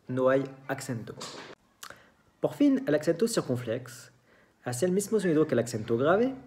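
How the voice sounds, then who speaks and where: Slow, careful teacher. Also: medium pitch, warm tone. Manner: slow and careful, repeats each example word. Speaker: French teacher. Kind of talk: beginner language lesson.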